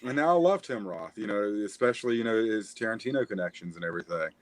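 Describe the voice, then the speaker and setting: A man's voice: on the low side, animated, quick pace, no room sound. A man co-hosting a casual movie review podcast, rambling with lots of fillers and restarts. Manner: rambling, self-correcting, many fillers. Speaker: podcast co-host.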